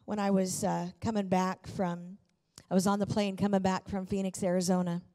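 Preaching from the stage of a big church auditorium, a middle-aged woman pastor tells personal stories into a handheld microphone. Her voice is mid-range and dark, with a level tone and moderate pace, and her delivery is fervent and emphatic, full of repeated phrases.

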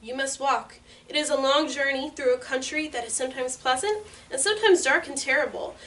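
A woman voicing a kind little old witch in a storybook read-aloud, with a gentle, slow delivery. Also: high voice. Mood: kindly. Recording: slightly distant mic, faint hiss.

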